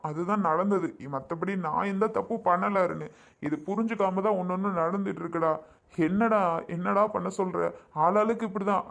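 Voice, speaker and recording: In a short drama skit, a man with a high voice plays a down-on-his-luck family man. He pleads and complains as though pouring out his troubles, with vocal fry in his voice.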